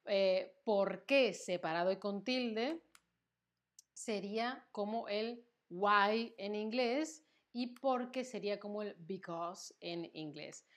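A young woman with a Spain accent teaching a Spanish lesson on a live stream, slow and emphatic, repeating key words and chatting to viewers. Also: mid-range voice.

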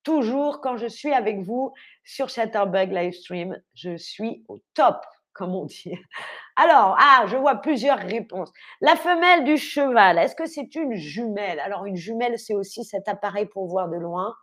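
A young woman teaching French on a livestream, speaking slowly and clearly, spelling words out letter by letter and cheering on viewers. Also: mid-range voice, animated, fairly bright tone. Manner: upbeat, encouraging, quizzes viewers. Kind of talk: live online vocabulary lesson.

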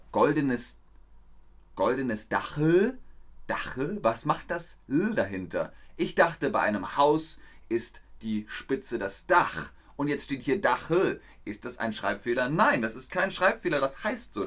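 A man teaching a livestreamed German lesson, explaining words slowly and reading out viewer comments. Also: mid-range voice, a bit bright.

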